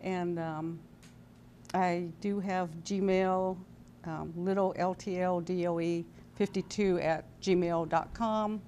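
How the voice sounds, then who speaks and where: A lapel mic captures a woman in her sixties from California, American-accented, reminiscing in a relaxed, hesitant way as a guest at a desk inside a TV studio. Her voice is on the low side and dark, steady in tone, and slow. A little hiss or hum is audible.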